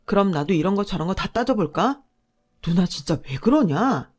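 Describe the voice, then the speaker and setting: A woman's voice: medium pitch, animated, normal speed, a little mellow, lightly acted. A woman voicing a frustrated married man arguing with his older sister. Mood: exasperated. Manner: frustrated and pleading. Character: exasperated younger brother, a married man.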